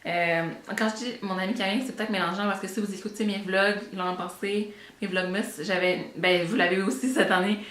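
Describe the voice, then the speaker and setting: A woman's voice: mid-range voice, fairly even intonation, a little fast, a bit bright, reverberant. A young woman with a Québécois French accent, chatting casually and rambling about her beauty buys, slipping in English words. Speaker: beauty vlogger. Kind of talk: casual chat.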